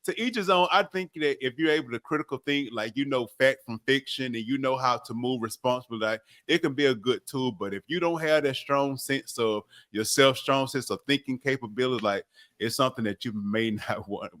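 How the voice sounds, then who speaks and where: Male co-host, mid pitch, emphatic, stumbles over words, dry close sound. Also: a little fast, a bit bright, no room sound. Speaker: podcast co-host. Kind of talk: casual chat.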